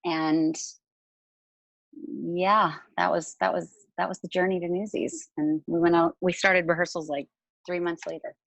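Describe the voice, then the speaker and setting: A woman's voice: fairly low pitch, little pitch movement, measured pace, gravelly, no echo, rough recording. A woman in her forties, a musical theatre actress, chatting casually over a video call and rambling with lots of fillers. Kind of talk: casual Q&A chat.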